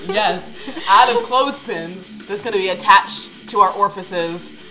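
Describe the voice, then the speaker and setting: A woman's voice: medium pitch, lively intonation, unhurried, vocal fry, bright, forceful tone, poor audio. A young woman hosting a challenge video in casual, joking chat, with a giggly, irreverent, slangy way of talking. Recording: music playing over the voice.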